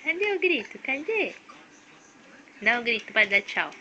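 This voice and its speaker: Brazilian woman on a home video, high lively sing-song baby talk, slow and coaxing, dull lo-fi sound. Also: a little hiss or hum. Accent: Brazilian Portuguese.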